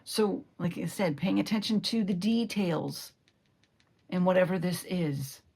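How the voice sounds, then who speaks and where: A woman giving a solo tarot reading, reflective and lingering over each card, sometimes slipping into a breathy whisper. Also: on the low side, a little slow, a little mellow. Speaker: tarot reader.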